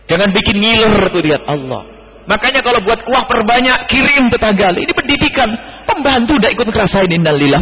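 Animated preacher in a reverberant hall. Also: male voice, husky. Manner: swings between low murmurs and sudden high exclamations, acts out dialogue. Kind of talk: sermon. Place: large mosque hall. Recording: muffled hall recording with long reverb.

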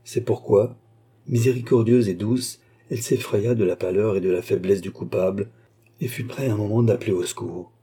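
A man reading a classic novel aloud as an audiobook narrator, in a measured, unhurried way. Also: lowish voice, dark tone, slightly rough.

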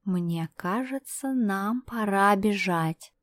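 Woman voicing a nervous hushed talking cat. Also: mid-range voice, slow pace, no echo, studio quality, close to an everyday voice. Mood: uneasy. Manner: hushed and hissing, half-whispered. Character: nervous talking male cat, wary and sly.

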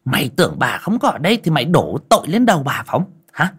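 A man voicing a cruel young mistress of a household, scolding her servant in a sour, shrill voice. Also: wildly swooping pitch, fast, slightly rough, full character voice. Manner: scolding, threatening, swaggering. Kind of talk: audio folk story narration.

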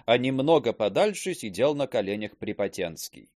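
A man's voice: mid-range voice, animated, moderate pace, a little mellow, no echo, clean studio sound. A man narrating a classic novel as an audiobook, telling the story expressively.

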